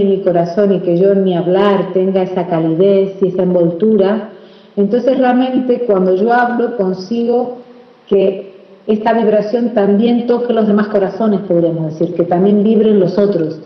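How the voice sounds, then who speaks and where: A woman from Argentina talks as a guest speech therapist. She is measured and deliberate and stretches sounds out to demonstrate them. The recording is roomy and a bit dull, like lo-fi audio. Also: mid-range voice. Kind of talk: explanatory interview talk.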